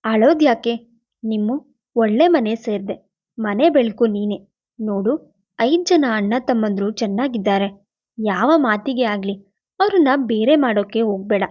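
A woman voicing a gentle mother advising her newly married daughter. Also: a little high, normal speed, pauses often, close to an everyday voice. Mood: tender. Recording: dull lo-fi recording.

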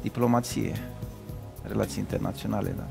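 A Romanian man in his thirties, a quiz contestant who laughs often and answers in quick bursts. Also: fairly low pitch, steady tone, vocal fry, over music. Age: 30s. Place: TV studio.

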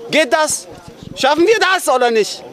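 Very high-voiced man shouting questions. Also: lively intonation, normal speed, crowd noise. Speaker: protester. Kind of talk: angry street confrontation. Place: outdoors at a street memorial.

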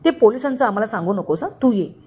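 A woman's voice: fairly high pitch, lively intonation, fast talker, warm tone, breathy edge. A woman voicing a scheming, greedy middle-aged uncle who gloats and scolds, in a storybook reading. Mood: shouting.

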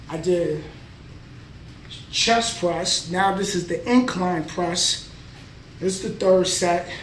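A plain-spoken, motivational man in his thirties, a trucker who vlogs, talks between sets in a casual workout vlog with a fairly high, slightly bright voice. A camera mic a few feet away in a small indoor gym leaves him a bit off mic, with echo and a little hiss or hum.

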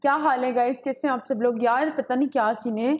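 On a casual webcam live stream, a giggly, chatty young Pakistani woman who streams games greets her viewers and reads the chat out loud. She speaks a little fast in a high voice, sitting in a home room with a ring light.

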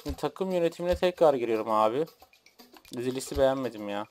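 Male gaming streamer, mid-pitched, casual and excitable, chats with his viewers while he plays. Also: fast, soft background music. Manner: chatty, excitable, talks to the game and his chat. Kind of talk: casual gameplay commentary.

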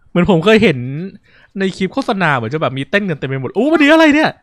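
A man's voice: high-pitched, wildly swooping pitch, fast. A man giving casual let's-play commentary, chatty, reacting aloud and reading game lines. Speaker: gaming streamer.

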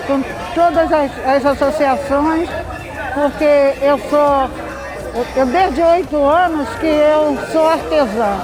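An older Brazilian woman, an arts association president, speaking loudly and repeating herself in an outdoor street interview. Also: high-pitched, poor audio. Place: outdoor street craft fair. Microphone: lapel mic. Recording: busy street market crowd.

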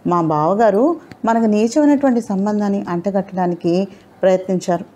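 A woman's voice: medium pitch, a little fast, dark tone, lo-fi sound, natural voice. A woman narrator voicing a playful, spirited young woman in love who teases and speaks from the heart. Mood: heartfelt. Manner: teasing, then openly heartfelt.

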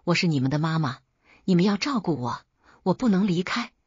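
A woman's voice: lively intonation, fairly quick, darkish tone, slightly rough, no room sound, highs cut off. A woman voicing a coarse, domineering older mother-in-law who scolds and sneers. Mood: scornful. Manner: shrill, scolding, contemptuous.

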